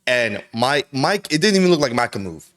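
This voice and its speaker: A man's voice: mid-range voice, big pitch swings, brisk, a bit bright. A man hosting a reaction video, talking casually in slangy, profane, rambling speech and saying "bro" constantly. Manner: rambling, with frequent restarts.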